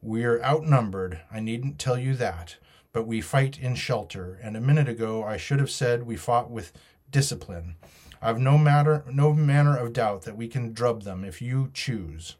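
A man's voice: mid-range voice, moderate pace, darkish tone, lightly acted. A man voicing a stern, defiant ship's captain with clipped, emphatic, formal speech in a storybook reading. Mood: resolute, rallying.

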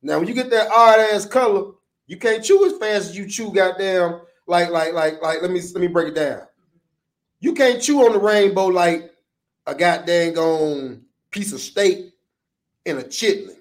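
A man's voice: high voice, normal speed. An American man on a casual comic rant, swearing freely and talking in playful slang. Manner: profane, slangy, playful ranting. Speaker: co-host of a vlog.

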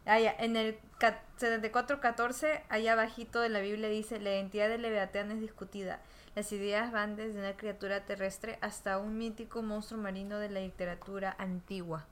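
A woman co-hosting a casual chat, reading verses slowly and then adding her own notes. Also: medium pitch, level tone. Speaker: podcast co-host.

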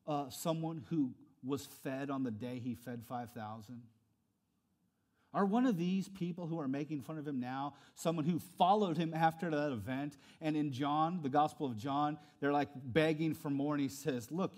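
Animated male preacher. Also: on the high side. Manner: animated, acts out quotes in character voices. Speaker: pastor. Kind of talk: sermon.

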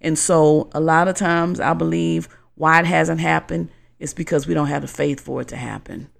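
A woman's voice: low voice, fairly even intonation, normal speed, gravelly. A woman co-hosting a podcast, talking in a conversational, reflective and explanatory way about faith and motivation. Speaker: podcast co-host.

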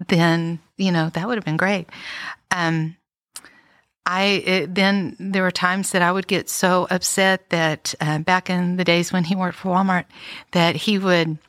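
Middle-aged woman, slightly low pitch, unhurried reflective podcast talk, dry mic. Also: steady tone, fairly bright tone, dry recording. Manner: reflective, many fillers and restarts. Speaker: podcast co-host. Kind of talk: casual chat.

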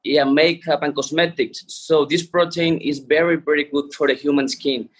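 Husky man. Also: a little high, fairly even intonation, moderate pace. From Mexico. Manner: non-native English phrasing. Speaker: interview guest, entrepreneur. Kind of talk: explanatory interview talk.

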